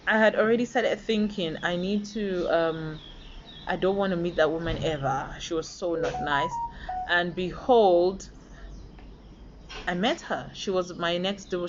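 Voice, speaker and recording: Animated woman giving a motivational talk. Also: lowish voice, lo-fi sound, slight background noise. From Nigeria. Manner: animated, storytelling, acts out quoted voices. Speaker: motivational speaker. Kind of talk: motivational talk with personal stories.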